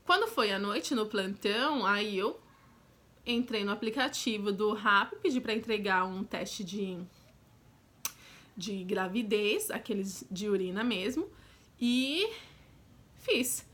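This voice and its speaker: A woman's voice: medium pitch, animated, slow, long pauses, fairly bright tone. A young woman with a Brazilian Portuguese accent, telling a personal story in a chatty, direct vlog style with frequent asides to the viewer. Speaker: vlogger. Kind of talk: casual storytelling.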